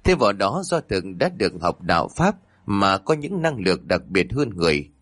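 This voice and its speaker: A man's voice: on the low side, fairly bright tone, no room sound. Guy reading a spooky story, voice rises and falls a lot, dry close sound. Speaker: narrator. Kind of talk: storytelling narration of a ghost story.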